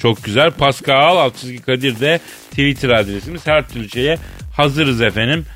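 A man hosting a radio comedy show, telling a rambling tall tale in a deadpan way, in a studio. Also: mid-range voice, normal speed, soft background music. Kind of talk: comic storytelling.

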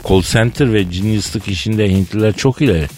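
A man's voice: on the low side, a little fast, a little mellow, soft background music. A man hosting a comic radio show, bantering and acting out a mock phone call.

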